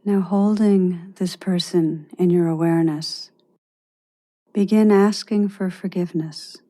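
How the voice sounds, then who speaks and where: A woman leads a meditation in a mellow, relaxed voice, speaking very slowly and gently with long pauses. Her pitch remains even and calm throughout.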